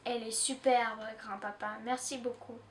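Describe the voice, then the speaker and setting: A sulky, quick-tempered little princess girl, read by a woman from a storybook. The voice is high and bright. It is recorded in an echoey room from a distance. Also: slight background noise. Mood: small. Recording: roomy echo, distant mic.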